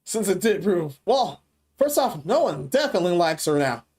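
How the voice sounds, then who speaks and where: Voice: medium pitch, very animated, moderate pace, darkish tone, slightly rough. A commentary host talking casually, blunt and profane, and sounding tired.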